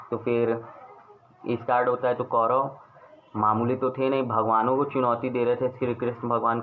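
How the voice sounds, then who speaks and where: Casual male storyteller, animated, acts out dialogue; thin phone-quality audio, light background noise. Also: mid-range voice. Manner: lively, acts out quoted lines. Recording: tinny phone-like sound with faint ambient noise.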